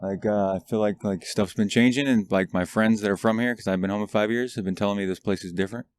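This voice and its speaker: A veteran from Montana telling his story haltingly, with many likes and restarts, outdoors in a parking lot. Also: lowish voice, fairly even intonation. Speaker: guest, army veteran. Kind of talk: casual storytelling.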